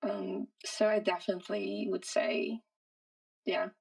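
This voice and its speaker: Interviewed as a guest, a woman who makes indie games talks slowly and flatly in a mid-range, creaky, darkish voice, thinking through her replies casually and with some hesitation. She's distant from the microphone, and the recording quality is low.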